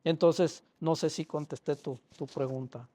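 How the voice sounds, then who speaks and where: Older man, slightly high voice, author sharing heartfelt stories with a live audience. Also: steady tone, measured pace, dark tone, a little hiss or hum. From Mexico. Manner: emotional, plainspoken storytelling with quoted dialogue. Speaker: author presenting his book. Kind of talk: personal storytelling to an audience. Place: public library hall.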